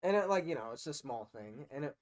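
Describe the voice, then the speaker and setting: A young man chatting as a podcast guest, his voice a bit higher than most. He tells a long rambling story, getting loud whenever he breaks into laughter. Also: lively intonation, fast talker. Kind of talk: casual chat.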